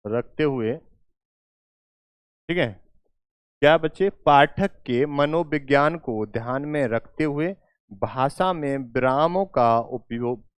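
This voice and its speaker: A male teacher giving a lecture who repeats phrases slowly and keeps checking that students follow. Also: a little high, clear, resonant tone, dry recording. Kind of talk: classroom lecture with examples. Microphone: recording while writing on a board.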